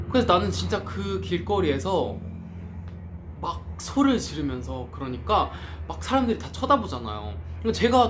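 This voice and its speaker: A man telling a travel story to camera in a casual, lively way, acting out the lines of the people in it. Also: fairly high pitch, slight background noise. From Korea. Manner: animated, acts out quoted lines. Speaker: travel vlogger.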